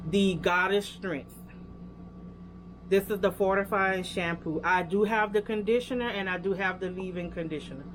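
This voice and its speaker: A young woman with a Louisiana accent reviews hair products in a casual vlog, talking directly to her viewers and using plenty of filler words. Her voice sits in the mid-range and moves at a moderate pace. The recording is low quality, with a little hiss or hum.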